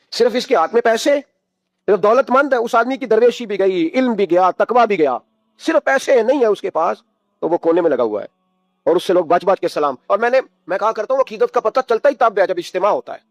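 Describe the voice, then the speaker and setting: A man's voice: sits high, no echo. A man preaching an emotional sermon, exhorting his listeners with rhetorical questions and telling stories as he goes. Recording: dull, dry recording.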